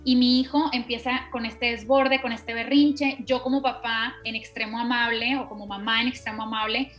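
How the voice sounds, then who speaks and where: A woman talks through parenting ideas in a casual, steady way, piling up example after example. Her voice sits a little high. Soft music plays faintly underneath. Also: normal speed. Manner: explains steadily with many examples. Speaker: parenting podcast co-host. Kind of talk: casual explanatory chat.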